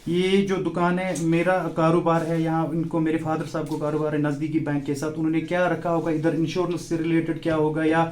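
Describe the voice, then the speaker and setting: A young man speaks outdoors into a reporter's handheld microphone. His voice sits fairly high, and his delivery is halting and full of fillers, yet urgent. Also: monotone, darkish tone. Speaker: shop owner telling of a fire. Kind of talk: on-the-spot news interview. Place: outdoors beside a burnt shop.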